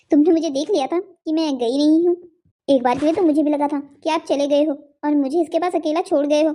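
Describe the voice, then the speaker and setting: A woman's voice: dark tone, lightly acted. Woman doing a pleading young cartoon girl. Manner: pleading, high and urgent. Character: young woman sister-in-law, proud then frightened.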